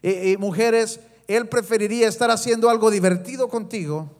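Male church interpreter with a high voice, quick live sermon interpretation, some stumbles and restarts. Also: a little mellow. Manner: quick rendering with hesitations and self-corrections.

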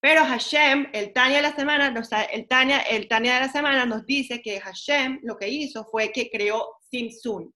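A woman's voice: high voice, normal speed, few pauses, bright, forceful tone. A woman teaching a weekly spiritual class in a casual way, often slipping words into her Spanish and checking in with "ok?". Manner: mixes English words into Spanish, asks "¿ok?" often.

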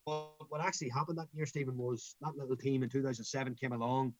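A man's voice: mid-range voice, flat delivery, fast, dry recording, highs cut off, soft background music. A middle-aged man with a Northern Irish accent, talking anecdotally in an interview as a coach, emphatic and given to repeating his phrases. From Northern Ireland. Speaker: school football coach.

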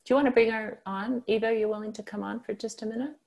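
A woman co-hosting an online discussion, engaged and quick to affirm what others say. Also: on the high side, fairly even intonation, gravelly, a little mellow, highs cut off. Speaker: co-host. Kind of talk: casual discussion on a video call.

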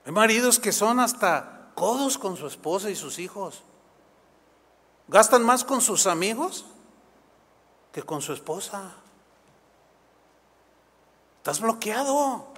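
A man preaches in a high, bright-pitched voice, lively and chatty, tossing off quick asides to the congregation. His words ring out with a long reverb from the church hall around him. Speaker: pastor. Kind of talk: sermon. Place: church sanctuary.

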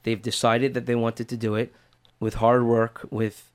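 A man's voice: medium pitch, level tone, measured pace, clean tone. A man working as a voice teacher, answering interview questions in an earnest, step-by-step way.

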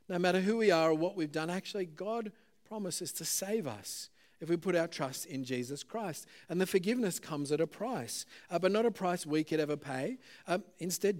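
A man delivers a sermon in a casual, self-deprecating way. His voice sits slightly high, and he keeps it conversational, dotted with "um"s. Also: a little mellow. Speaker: preacher.

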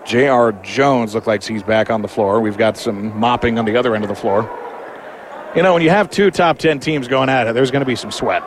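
A man's voice: medium pitch, a little fast. A man giving live play-by-play commentary on a basketball game. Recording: clear background noise of the game.

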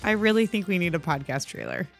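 A woman's voice: lowish voice, lively intonation, quick pace, faint music behind. A young adult woman co-hosting a podcast, chatty and enthusiastic as she tells stories. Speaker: podcast co-host. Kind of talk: casual chat.

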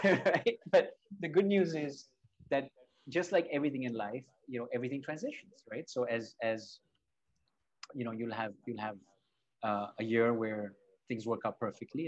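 A man's voice: mid-range voice, a little mellow, breathy edge, lo-fi sound. A man from Spain, a coach and podcast guest, talking earnestly and reflectively, often repeating words and adding "right?" and "you know".

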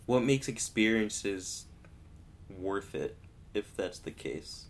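A man's voice: on the low side, expressive, slow. A young man hosting a podcast, asking questions in an earnest, hesitant way. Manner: earnest, hesitant, self-described uptight. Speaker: podcast host. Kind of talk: casual interview.

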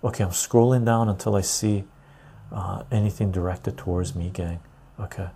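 A man's voice: deep voice, fairly even intonation, moderate pace, vocal fry, dark tone, husky. A man, hosting a casual livestream, reading chat and rambling with frequent "right?" tags. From Canada, born in Iran. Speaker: livestream host.

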